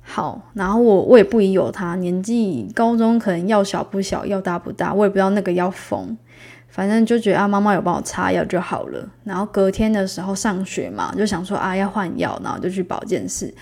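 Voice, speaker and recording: A woman's voice: mid-range voice, lively intonation, a little fast, creaky, few pauses, a little mellow. A young woman with a Taiwanese Mandarin accent telling a personal story in a casual monologue, laughing now and then and acting out the voices of the people she quotes.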